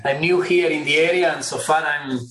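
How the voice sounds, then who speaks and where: A man's voice: on the high side, steady tone, moderate pace, fairly bright tone, roomy sound, poor audio. A middle-aged man from Argentina. He answers webinar interview questions courteously, often repeating words as he searches for them. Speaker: guest professor.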